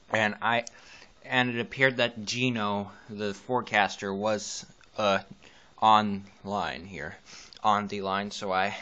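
An amateur weather radio hobbyist and vlogger gives rambling, casual commentary from behind a handheld camera indoors at home, often hesitating and correcting himself. His voice is lowish, pushed, and bright. The camera audio sounds muffled, with hiss in the background.

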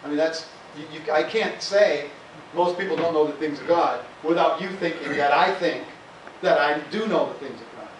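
A man preaching in a church with a slightly high voice and a loose, conversational delivery, often punctuated with "amen" and "hallelujah." The sound is picked up from a distance in a roomy sanctuary, with a faint hiss underneath. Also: normal speed. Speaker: pastor. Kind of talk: sermon. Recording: echoey church room, voice from far off, faint hiss.

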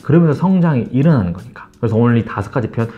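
A man teaching English phrases to Korean learners, coaching warmly and repeating each phrase slowly. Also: medium pitch, expressive, phone-quality sound. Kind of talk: online English lesson.

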